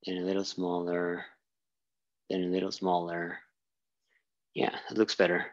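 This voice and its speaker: Slow low-voiced man teaching at a whiteboard. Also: completely flat delivery, highs cut off. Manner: thinks aloud with fillers and restarts while drawing. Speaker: physics instructor. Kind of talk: whiteboard lecture. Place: small room at a whiteboard.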